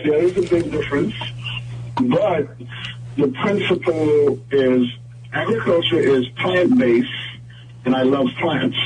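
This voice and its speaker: A man from Trinidad and Tobago, a guest photographer, explaining things in a measured way during a radio interview. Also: medium pitch, recorded from a distance, dull audio, noisy background. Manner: measured, explanatory, with frequent "mm-hmm" and "whatnot".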